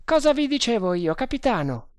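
Man doing a keen, shrill old-style sergeant. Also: big pitch swings, a little fast, no echo, clean studio sound. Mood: eager. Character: excitable loyal male sergeant, keen and blunt.

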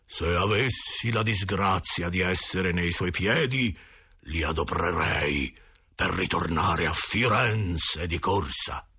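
A man's voice: sits low, slow pace, sharp tone, husky, voice pushed down, heavily acted. A man reading an audiobook, voicing a gloomy adult man who speaks in a funereal voice. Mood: mournful. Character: gloomy adult man giving grim advice.

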